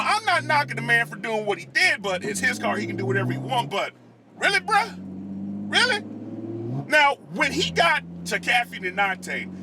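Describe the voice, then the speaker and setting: A man telling a comedic roast story, animated and sarcastic, with exaggerated comparisons. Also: very high voice, noisy background.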